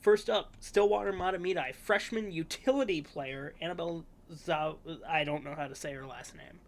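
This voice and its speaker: A man hosting a casual sports preview podcast, talking in a relaxed, rambling way with fillers and self-corrections. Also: fairly high pitch, normal speed. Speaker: podcast host.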